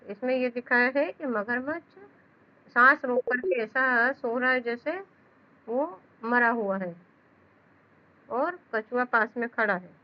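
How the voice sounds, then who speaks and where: A woman's voice: on the high side, slow pace. A woman teacher explaining a children's story, retelling each line again in simpler words. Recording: dull lo-fi sound.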